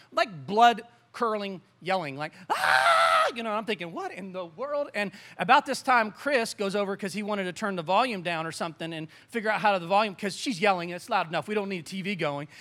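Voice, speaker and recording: A man preaching a sermon, telling a story in an animated, rambling way with many restarts. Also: sits high, fairly quick, few pauses. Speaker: pastor.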